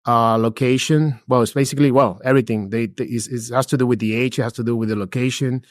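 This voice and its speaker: Speaking at a quick pace in a mid-range voice, this real estate investor in his forties, who grew up in Peru, is a laid-back podcast guest. He's chatty, keeps saying "dude" and "bro," and frequently starts over. The clean studio audio has no room sound.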